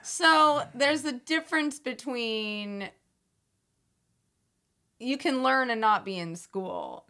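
A woman's voice: a little high, very animated, takes it slowly, pauses often, bright, forceful tone. A woman co-hosting a podcast, chatty and sympathetic, often finishing her co-host's sentences. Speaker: podcast co-host. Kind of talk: casual chat.

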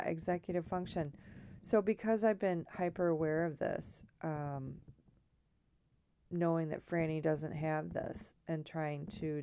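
A woman speaks in a low, croaky frog voice, scratchy and hoarse from throat trouble. She thinks aloud at a slow, unhurried pace in a casual, rambling personal monologue, with a mellow tone.

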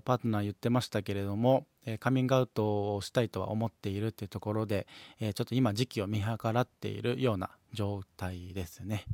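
A man's voice: lowish voice, a little mellow, no echo, clean studio sound. A man with a Kansai accent hosting a solo podcast, talking politely and measuredly with frequent hesitation fillers as he answers and reads listener mail. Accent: Kansai Japanese. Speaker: podcast host.

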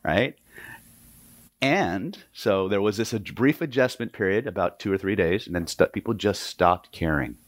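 A man's voice: lowish voice, moderate pace, dry recording. A man from Oklahoma teaching hypnosis in a seminar to a live audience, emphatic and tossing in rhetorical "right?" asides. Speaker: hypnosis instructor.

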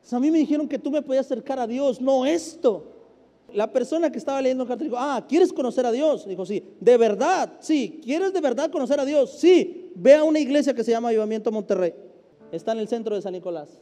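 High-voiced preaching pastor. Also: male voice, expressive, fast talker. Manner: emphatic preaching with shifts between loud and hushed. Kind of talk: sermon. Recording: hall reverb with faint music.

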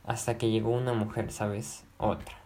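A man reading aloud, voicing an agitated, lovesick gentleman who pleads and repeats himself. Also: lowish voice, little pitch movement, normal speed, natural voice. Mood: impassioned. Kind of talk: audiobook narration.

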